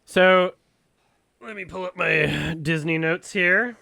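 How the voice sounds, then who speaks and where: A man giving casual, joking gameplay commentary as a host, excitable and quick to swear. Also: high-pitched, vocal fry, dry recording, studio quality. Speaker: gaming show host and player.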